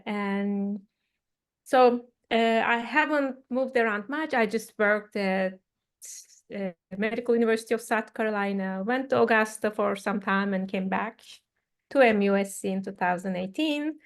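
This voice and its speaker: A woman, speaking thoughtfully as a panelist in a discussion. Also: mid-range voice. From Turkey. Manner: slow, thoughtful, many uh fillers.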